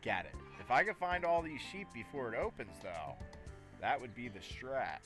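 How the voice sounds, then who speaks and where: Man streaming a game over clear background music. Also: medium pitch, big pitch swings, normal speed, a bit bright. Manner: rambling, talks to himself while playing. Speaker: gaming streamer. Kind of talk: casual live game commentary.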